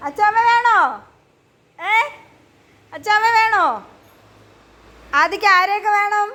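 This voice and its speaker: A woman working as a preschool teacher who talks with small children in a sing-song way, asking them questions and gently scolding them. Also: very high voice, slow. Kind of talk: coaxing talk with small children. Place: preschool classroom.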